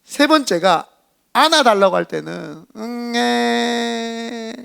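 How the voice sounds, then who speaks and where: Male pastor, high lively voice, chatty sermon with playful asides. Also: moderate pace. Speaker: senior pastor. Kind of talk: Sunday sermon.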